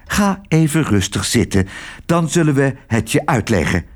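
A man's voice: medium pitch, very animated, moderate pace, pitched above the performer's own voice. A man voicing a fussy, prim older aunt who speaks condescendingly.

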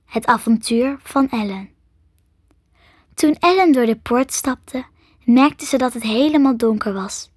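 A woman's voice: fairly high pitch, no echo, studio quality. Woman reading a storybook aloud. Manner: slow, careful reading aloud. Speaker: narrator.

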